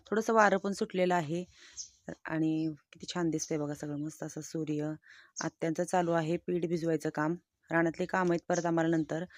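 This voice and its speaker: A woman's voice: fairly low pitch, a little mellow, no echo, clean studio sound. A woman narrating her village life vlog in a casual, chatty and homely way, cheerfully describing everyday chores.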